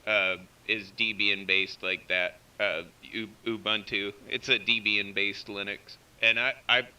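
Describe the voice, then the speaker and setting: Over a distant-sounding CB station feed, an American man hosting a live stream explains technical points informally and step by step. His voice is fairly low, smooth, pushed, and bright, with fairly even intonation and a slightly slow pace.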